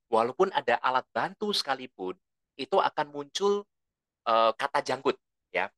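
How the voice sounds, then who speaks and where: Bright-voiced man teaching presentation skills. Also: medium pitch, no room sound. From lived abroad for a long time. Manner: relaxed, explanatory, tags sentences with "ya"; says his own volume tends to run loud. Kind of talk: lecture to a training group.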